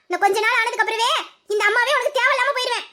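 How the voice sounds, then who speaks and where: A performer voicing a nagging, shrill middle-aged village mother, in an audio drama. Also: racing, bright, forceful tone. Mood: angry scolding.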